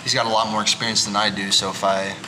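A young man, a collegiate cyclist, chats casually as a podcast guest inside a bike shop, rambling and restarting as he goes. His lowish voice is level in tone and fast. The recording is noisy, with background sounds of people working on bikes.

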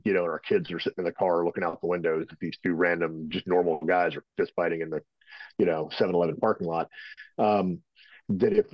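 A man's voice: deep voice, no echo, dull audio. A man being interviewed as a firearms instructor, answering at length in a casual, rambling way with many fillers. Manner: rambling, filler-heavy, conversational. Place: at home.

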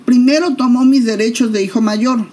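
A woman's voice: fairly high pitch, steady tone, moderate pace, mellow, pitched above the performer's own voice, close to an everyday voice. A woman voicing a desperate elder son, a hunter, pleading in a raised voice.

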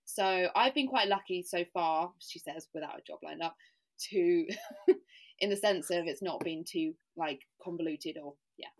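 Her pitch is fairly low and her pace a little slow. She's an Englishwoman guesting on a laid-back podcast, scattering "like" through her talk and laughing at herself.

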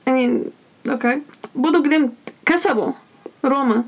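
A woman's voice: high voice, moderate pace. A woman with an Egyptian Arabic accent co-hosting a casual football chat, dropping in English phrases. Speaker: football podcast co-host.

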